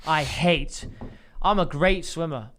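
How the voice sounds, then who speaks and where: An English man co-hosting a casual podcast chat, telling stories and musing aloud in an animated way. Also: on the high side, slow pace. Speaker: podcast co-host.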